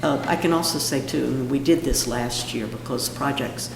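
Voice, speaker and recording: A man with a hoarse, froggy voice from a cold, giving an informal presentation at a meeting. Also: medium pitch, normal speed. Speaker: presenter of a budget request at a town meeting. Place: meeting room, indoors. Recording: echoey room, clear background noise.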